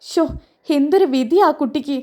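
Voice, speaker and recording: A caring old grandmother fusses over her family in a high, bright voice, put on by a woman narrating. She scolds and comforts by turns, her tone climbing well above an everyday speaking voice. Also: moderate pace, natural voice. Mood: fond, scolding. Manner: fussing, scolding, high and lively.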